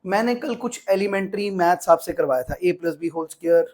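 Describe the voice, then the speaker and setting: High-pitched man teaching a class. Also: normal speed, darkish tone. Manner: drills points with repeated phrases, mixes English terms. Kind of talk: classroom lecture.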